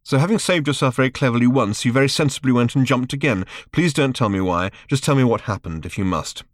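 A man's voice: animated, fast talker, dry recording, studio quality, natural voice. A man voicing Arthur, a weary, sarcastic human man, in an audiobook reading. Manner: shrill, sarcastic outbursts. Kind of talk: audiobook character voice.

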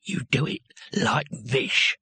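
A gruff old barbarian growls his threats in a damp, squelchy voice, as a man reads him. His timbre sounds strange and unlike a normal voice, and the tone is bright and clipped. The recording is dry and close, like a storybook. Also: mid-range voice, slow pace, no echo, full character voice. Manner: blunt threatening whispers. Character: very old wiry male barbarian, menacing and gruff.

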